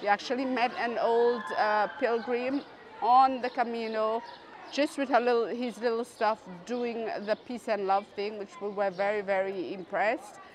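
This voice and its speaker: A woman's voice: a little high, fairly even intonation, normal speed, noisy background. A woman in her fifties from the Seychelles, speaking reflectively in a street interview in a city square. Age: 50s. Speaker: pilgrim interviewee.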